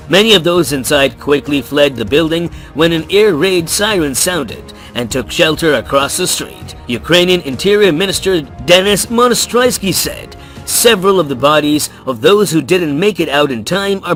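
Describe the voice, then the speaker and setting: A man reading news in a steady, measured way, his voice pitched a little above the usual. Soft music plays faintly underneath. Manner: even, measured newsreader delivery. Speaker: news narrator. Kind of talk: scripted news voice-over. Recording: faint music bed behind the voice.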